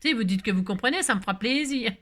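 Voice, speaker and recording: A middle-aged woman hosting a chatty crafting tutorial, talking loudly and joking with her viewers as she works. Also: fairly high pitch, expressive, fast. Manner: loud, playful, talks to viewers, jokes.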